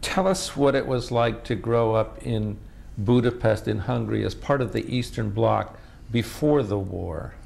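A man conducting an oral history interview, asking questions in a formal, measured way. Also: fairly low pitch, gravelly, a little mellow.

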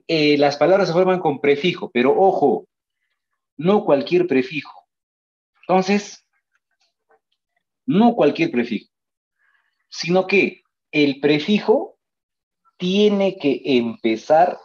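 Male teacher, slightly high voice, unhurried and coaxing, repeats key points, lo-fi sound. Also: a little mellow, husky. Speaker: pre-university teacher. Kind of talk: online grammar lesson.

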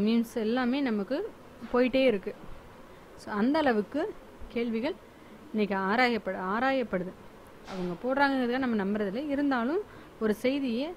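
A woman's voice: on the high side, darkish tone, a little hiss or hum, low-quality recording. A woman explaining a school lesson in a chatty, repetitive way, often restarting her words. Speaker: teacher.

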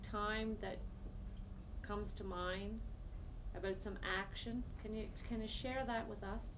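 A woman interviewer putting gentle questions to an interviewee. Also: medium pitch, fairly even intonation, a little slow, background noise.

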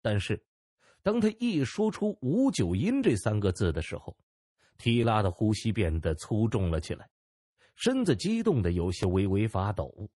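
A man narrates a novel in an expressive storytelling style. His voice is lowish and husky, and his pitch moves a lot. The sound is dry and close. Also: moderate pace, dry recording. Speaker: audiobook narrator. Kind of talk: scripted narration.

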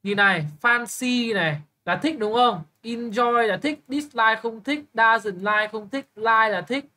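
A young man tutoring English, briskly quizzing a student with quick questions and blunt, teasing remarks. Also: high-pitched, pushed and bright. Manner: brisk, keeps checking understanding with quick questions. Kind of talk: live tutoring lesson.

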